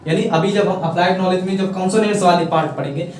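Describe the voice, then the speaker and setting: A man teaching English pronunciation in a casual classroom style, repeating his questions and urging viewers to comment quickly. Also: high voice, fairly even intonation, darkish tone, a little hiss or hum. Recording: very echoey room, mic at a distance.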